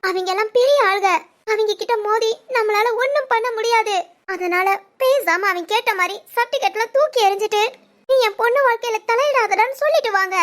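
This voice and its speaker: Lady playing a scolding village amma in a cartoon drama, tirunelveli accent, super high squeaky voice. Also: brisk, fairly bright tone. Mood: bitter scolding. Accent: Tirunelveli Tamil. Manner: bitter, scolding. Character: worried scolding village mother, middle-aged. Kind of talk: animated family drama.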